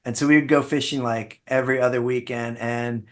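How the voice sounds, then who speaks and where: A man's voice: medium pitch, steady tone, brisk. A middle-aged man, a guest on an interview show, telling long family anecdotes in a casual, rambling way with frequent restarts. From Bahamas-born, raised in South Florida. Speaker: podcast guest, ER physician.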